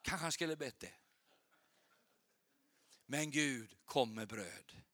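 A male preacher and Bible school teacher giving an animated sermon, telling stories and firing rhetorical questions at a church congregation. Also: medium pitch.

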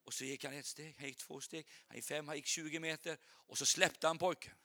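A male preacher and Bible school teacher giving an animated sermon, telling stories and firing rhetorical questions at a church congregation. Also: fairly high pitch.

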